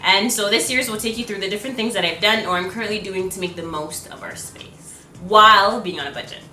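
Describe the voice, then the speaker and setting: A woman's voice: medium pitch, fast talker, pushed and bright, a little hiss or hum, low-quality recording. A young adult woman talking in a chatty vlogger style, explaining home DIY projects directly to her viewers. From lives in Canada. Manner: chatty, instructional, addressing viewers.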